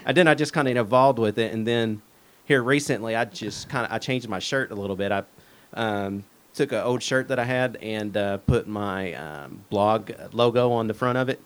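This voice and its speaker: Middle-aged guy, kinda low voice, lots of uhs and ums as he chats. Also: moderate pace, clear, resonant tone. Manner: hesitant, many fillers and restarts. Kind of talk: casual interview chat.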